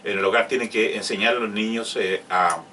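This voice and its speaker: Older man, halting host. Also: lowish voice, fairly even intonation, bright, forceful tone. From Chile. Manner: halting, many fillers, addresses viewers directly. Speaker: host of community interview. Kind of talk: informal interview. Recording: distant mic with faint ambient noise.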